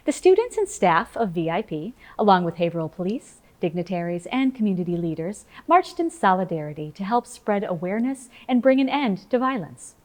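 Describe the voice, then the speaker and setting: Lively woman reading local news. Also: mid-range voice, brisk, hardly any pauses. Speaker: news host. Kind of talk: scripted news narration.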